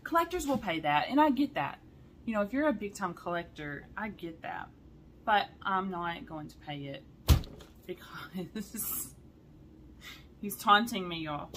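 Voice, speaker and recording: A woman talks straight to her viewers about her stitching projects. She is chatty and excitable, with a mid-pitched voice and plenty of y'alls. A faint hum of room noise sits behind her. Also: measured pace, pauses often. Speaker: cross-stitch vlogger. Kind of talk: casual chat to viewers.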